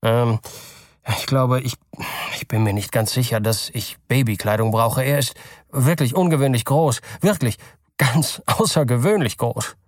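A man's voice: medium pitch, unhurried, dry recording, clean studio sound, lightly acted. A man reading aloud, voicing a nervous, flustered father who stammers and hesitates.

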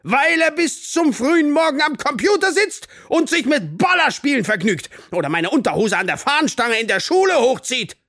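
A man's voice: sing-song, moderate pace, hardly any pauses, a bit bright, dry recording, clean studio sound. A man reading an audiobook, voicing a pompous, bullying male teacher who bellows his lines. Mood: ranting. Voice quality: shrill bellowing.

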